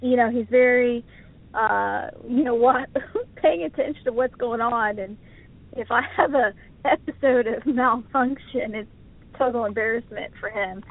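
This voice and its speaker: A woman in her forties co-hosts a casual internet radio chat, speaking a little slowly in a fairly high voice. She rambles, puts herself down, and often laughs at her own expense. The recording is dry and tinny, like a phone line.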